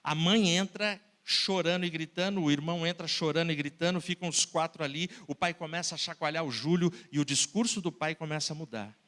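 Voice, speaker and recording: A man's voice: fairly high pitch, a little fast, few pauses, fairly bright tone. A man preaching a sermon and telling a story dramatically. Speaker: pastor.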